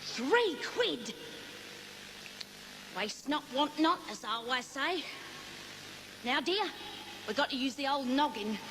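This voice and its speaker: A woman playing a scheming, chatty working-class London pie-shop keeper in a stage musical, with a Cockney accent and brisk motherly endearments. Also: high voice, expressive, background noise. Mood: cheerfully callous. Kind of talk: theatrical stage-musical dialogue.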